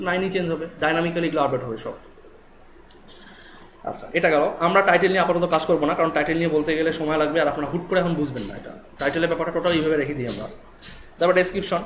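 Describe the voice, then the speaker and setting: A man with a Bangladeshi Bengali accent teaching a live web development class, explaining quickly and often checking that students follow. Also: fairly high pitch, slight background noise. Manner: rapid, explanatory, asks students checking questions. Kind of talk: live classroom coding lesson. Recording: echoey room with faint ambience.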